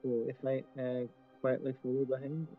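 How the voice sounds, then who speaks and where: A man's voice: medium pitch, completely flat delivery, moderate pace, narrow, tinny audio, soft background music. A man chatting casually as a player in a tabletop game, describing what his character does.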